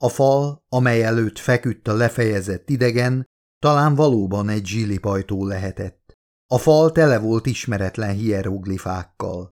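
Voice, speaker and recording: A man, the author, reading his own audiobook in a steady, measured narrating voice. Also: on the low side. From Hungary.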